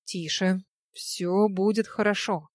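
A woman reading an audiobook voices a worried, tender adult man, speaking low and hushed with reassurance. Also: fairly even intonation, takes it slowly, no room sound, studio quality, close to an everyday voice. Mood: anxious, soothing.

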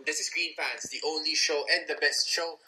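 A man hosting a casual sports podcast, animated and quick to laugh. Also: fairly high pitch, rough recording. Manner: animated, laughing, restarts often. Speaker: podcast host.

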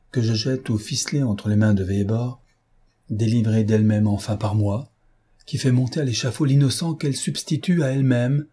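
A man playing a fierce, commanding gentleman thief in an audiobook, speaking urgently and imperiously. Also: fairly low pitch, husky. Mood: bitter.

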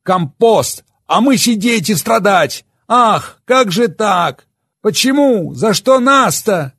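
A man voicing a furious, bitter young man who shouts and sneers. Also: sits high, expressive, moderate pace, slightly rough, no room sound, studio quality, pitched above the performer's own voice. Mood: drunk sarcastic. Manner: shouting, raging, bitter sarcasm.

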